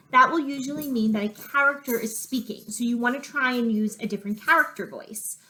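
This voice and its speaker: In a rough recording, a woman teacher with a slightly high, sharp-toned voice reads a picture book to young children. She pauses for asides that explain the story plainly.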